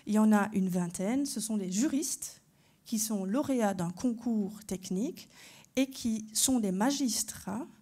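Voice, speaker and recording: A warm, medium-pitched woman's voice with a breathy edge, moving at a measured pace. She's a constitutional court judge from Belgium whose native language is German, lecturing at a conference in orderly, explanatory fashion while asking the audience rhetorical questions.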